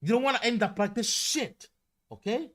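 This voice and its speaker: A male streamer rants about his industry in a high, bright voice. He takes his time, swears freely and swings his pitch widely as he repeats himself for emphasis. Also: expressive, normal speed. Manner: profane, repetitive, heated ranting. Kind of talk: live-stream rant.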